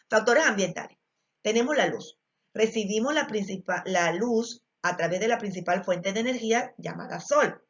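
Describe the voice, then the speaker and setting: A woman with an Ecuadorian Spanish accent teaching a biology class, explaining step by step with frequent fillers and check-ins to the students. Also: medium pitch. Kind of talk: recorded class lesson. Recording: dull lo-fi recording.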